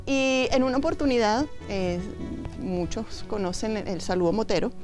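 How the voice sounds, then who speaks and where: A woman's voice: mid-range voice, normal speed, soft background music. A Venezuelan woman, founder of a women's biker group, chatting in an interview and acting out the voices in her stories. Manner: lively storyteller, acts out quotes. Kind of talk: casual interview chat.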